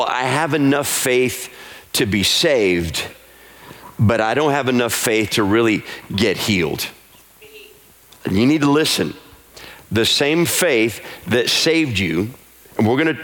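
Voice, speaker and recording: Pastor preaching in a reverberant church. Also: male voice. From United States. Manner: swings between soft low teaching and raised, high-pitched exhortation; repeats key lines for emphasis. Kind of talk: sermon. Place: church sanctuary.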